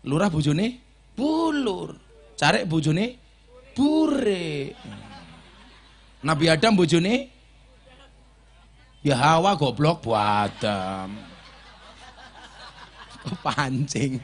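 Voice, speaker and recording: Brief: male preacher, 40s, Javanese accent, comic sermon style, ribs the crowd, voice sits a bit high. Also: big pitch swings, drawn-out words, pauses often, husky. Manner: joking, switching between Indonesian and Javanese, teasing the audience.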